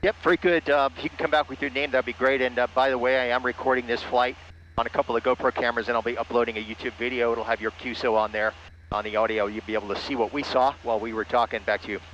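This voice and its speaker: A man's voice: mid-range voice, steady tone, racing, a bit bright. A man piloting a small plane, making clipped procedural radio calls and narrating the flight over a headset. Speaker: pilot and ham radio operator. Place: small airplane cockpit in flight. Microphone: aviation headset. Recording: muffled cockpit radio audio, aircraft noise. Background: light aircraft engine noise.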